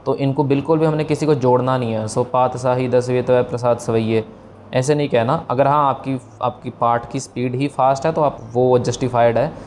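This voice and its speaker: A man's voice: medium pitch, fairly even intonation, a little mellow, slight background noise. Patient man teaching scripture pronunciation. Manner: patient, slow demonstrations of pronunciation; mixes English words into explanations.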